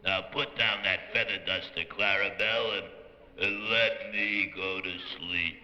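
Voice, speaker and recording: A man voicing a sleepy, gruff, scolding woolly dog puppet on a 1950s children's show. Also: lowish voice, steady tone, sharp tone. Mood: sleepy grumbling. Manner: slow drowsy scolding. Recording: echoey, dull old television audio, faint music.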